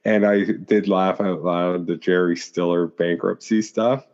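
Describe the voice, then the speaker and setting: A man's voice: low-pitched, fairly even intonation, unhurried, darkish tone, lo-fi sound. A man co-hosting a casual movie discussion, rambling with many fillers and restarts. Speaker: podcast co-host.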